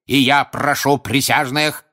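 A man voicing a hateful, stern older male judge who declaims and shouts harshly, in an audiobook. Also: lowish voice, unhurried. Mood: raging. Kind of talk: audiobook character voice.

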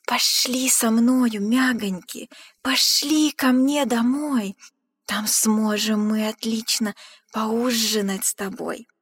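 Woman doing a sly hungry storybook snake, slow and sweet, bit high, echoey hall. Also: fairly even intonation, slightly rough, exaggerated voice. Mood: coaxing. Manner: slow, coaxing, drawn out. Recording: long hall reverb.

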